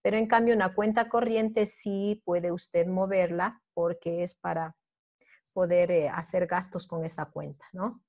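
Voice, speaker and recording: A woman's voice: fairly low pitch, steady tone, a little slow, mellow. Patient woman teaching a class. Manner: patient step-by-step explaining, often checking in with students. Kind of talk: online class review.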